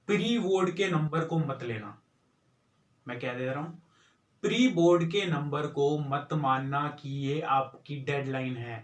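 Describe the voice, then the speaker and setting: A man's voice: on the high side, fairly bright tone, reverberant, far from the mic. A young man giving earnest, repetitive study advice to students in a motivational talk. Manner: earnest, repeats points for emphasis.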